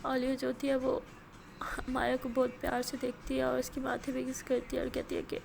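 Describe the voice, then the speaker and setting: A woman's voice: high voice, completely flat delivery, gravelly, darkish tone, slight background noise. A woman narrating a romance story in a casual spoken way, flowing along with small fillers. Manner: plain, flowing retelling with hesitant fillers.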